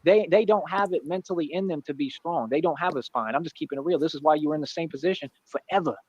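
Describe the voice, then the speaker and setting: A man's voice: on the high side, fast, darkish tone, highs cut off. A man in his thirties bragging and taunting in brash, repetitive trash talk. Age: 30s. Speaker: streamer in a played clip.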